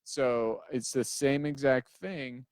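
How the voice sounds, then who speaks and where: A man's voice: mid-range voice, fairly even intonation, takes it slowly, darkish tone, clear, resonant tone, no echo. A man giving a casual drum lesson who counts in aloud and sometimes wanders off topic. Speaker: drum teacher. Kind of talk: casual instructional talk.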